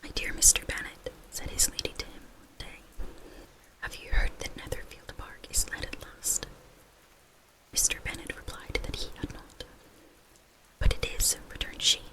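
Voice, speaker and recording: Whispered voice, breathy, unvoiced, ASMR audiobook narration, classic novel. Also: normal speed, low-quality recording.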